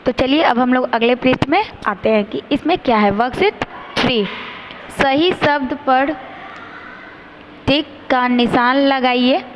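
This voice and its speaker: Lady teacher, high voice, real slow and careful with every sound, kids' grammar class. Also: a little hiss or hum, low-quality recording. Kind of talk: Hindi grammar lesson for children.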